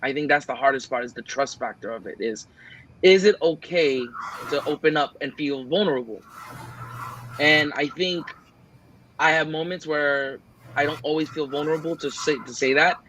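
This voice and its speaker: A man's voice: a little high, normal speed, fairly bright tone, slight background noise, low-quality recording. Earnest man rambling on a podcast. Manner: earnest, rambling, acts out his own quoted lines. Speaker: podcast co-host. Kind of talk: casual podcast chat.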